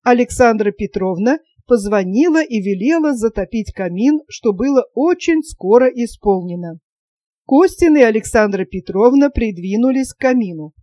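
A woman reading a classic story aloud in an even, measured storytelling manner. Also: on the high side, no room sound, clean studio sound. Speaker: audiobook narrator. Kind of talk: literary narration.

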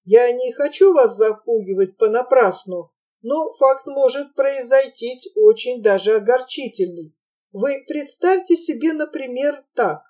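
Brief: woman voicing a chatty old-style fish trader, sly, folksy, warm-toned. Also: a little high, lively intonation, measured pace. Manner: folksy, wordy. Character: folksy talkative fish merchant, man, sly and consoling.

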